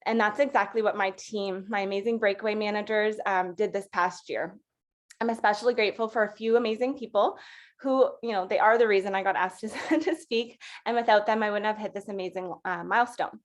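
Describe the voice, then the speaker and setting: A woman at a middle pitch talks to her sales team in a heartfelt thank-you speech. Her delivery is loose and chatty, full of fillers and affectionate asides, like someone speaking off the cuff rather than from a script. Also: steady tone, a little fast.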